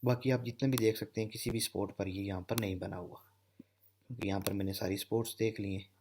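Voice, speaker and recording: A man's voice: fairly low pitch, fairly even intonation, a little fast, darkish tone, slight background noise. A man teaching candlestick chart patterns over a screen recording, explaining step by step and often checking in with "okay". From Pakistan. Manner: explanatory, repeats "theek hai" often. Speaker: trading instructor. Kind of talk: screen-share trading lesson.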